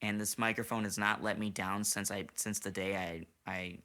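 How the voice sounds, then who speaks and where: A man's voice: on the low side, level tone, normal speed, sharp tone. A slightly tipsy man hosting a casual late-night podcast chat into a studio microphone, rambling and swearing with lots of restarts. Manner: rambling and profane, many restarts. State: a little tipsy. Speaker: podcast host. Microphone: studio microphone, monitored on headphones.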